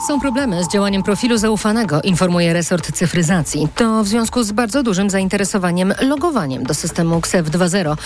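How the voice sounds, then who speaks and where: A woman's voice: mid-range voice, lively intonation, brisk, hardly any pauses, a little hiss or hum. A woman presenting radio news, reading scripted bulletins.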